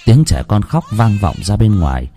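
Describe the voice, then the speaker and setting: A man's voice: lowish voice, very animated, normal speed, mellow, a little hiss or hum. A man who chats casually with listeners and then reads a horror story aloud in a grave, dramatic voice. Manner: chatty and joking in the intro, grave when reading.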